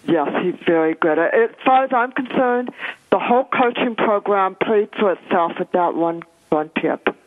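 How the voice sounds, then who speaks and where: A woman's voice: medium pitch, expressive, moderate pace. A woman chatting casually as a guest over a phone line, with atypical, different-sounding speech of someone hearing impaired. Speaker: radio show host and speaker, calling in as a guest. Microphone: telephone. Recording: narrow, tinny phone line.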